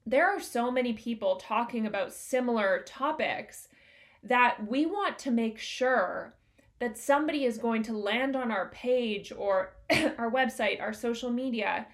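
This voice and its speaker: A woman's voice: a little high, measured pace. A woman hosting a solo business-coaching podcast, talking in an upbeat, conversational way with plenty of fillers.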